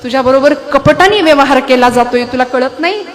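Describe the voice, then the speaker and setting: A sly, scheming older uncle, as a woman storyteller puts him on, who speaks in a low, insinuating tone. The voice sits fairly high. Devotional music plays under the telling. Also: a little fast, natural voice. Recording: music accompaniment behind.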